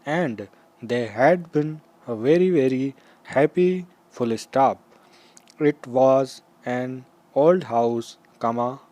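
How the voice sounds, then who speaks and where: A man reading a slow school dictation aloud, in measured, deliberate short phrases with pauses. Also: medium pitch, dark tone. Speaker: dictation reader. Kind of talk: slow school dictation, read aloud with punctuation marks spoken.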